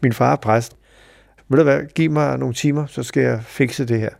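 A middle-aged Danish man telling a personal story in a halting, reflective way, with many fillers. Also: medium pitch, steady tone, vocal fry, darkish tone, dry recording, studio quality. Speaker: interviewee recalling a friend.

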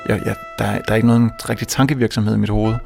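A young man from Denmark telling a comic story on stage, animated and self-mocking, often stammering and restarting. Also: on the low side, vocal fry, over music. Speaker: stand-up comedian. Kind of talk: stand-up storytelling.

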